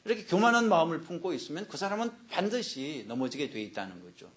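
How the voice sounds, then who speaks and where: A man's voice: on the high side, sing-song, fast, a bit bright. A male pastor preaching a sermon, telling jokes and personal anecdotes and speaking directly to his congregation.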